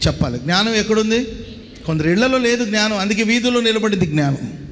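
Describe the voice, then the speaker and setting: A fervent male pastor preaching in a church, pitched high for a man. He keeps pressing the congregation with questions and calls for them to answer back. The sound carries a long hall reverb with faint ambient noise behind it. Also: expressive, fast talker, a bit bright. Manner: fervent preaching, rhetorical questions, call-and-response. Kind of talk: church sermon.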